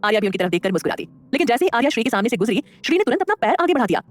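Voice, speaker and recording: Fast-talking woman narrating a story. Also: on the high side, dry recording. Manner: lively, voices the characters. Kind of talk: dramatic audio story narration.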